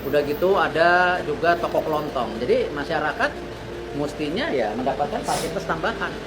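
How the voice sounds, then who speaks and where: A man's voice: on the high side, lively intonation, a little fast, over music, poor audio. A man outdoors at a petrol station complaining to camera and making demands.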